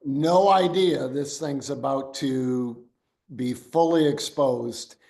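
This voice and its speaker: Brief: male host, mid-pitched, gravelly texture, probing questions. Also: slow pace, darkish tone. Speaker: interview host. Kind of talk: interview questions.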